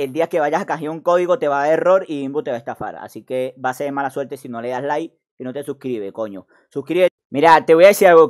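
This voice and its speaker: A man giving sarcastic voice-over commentary, mocking and scolding. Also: fairly high pitch. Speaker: gaming youtuber.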